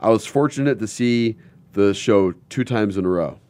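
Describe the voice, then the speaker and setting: A man's voice: fairly low pitch, moderate pace, dark tone, dry recording. A middle-aged man hosting a casual chat, telling stories in a rambling way and laughing often. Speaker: host.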